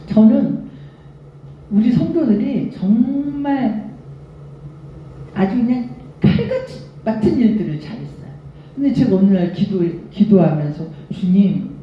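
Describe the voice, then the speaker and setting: A woman's voice: a little high, unhurried, pauses often, very echoey, highs cut off, a little hiss or hum. Older woman pastor preaching animatedly. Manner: animated storytelling, acts out quoted voices. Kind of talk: revival sermon. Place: church sanctuary.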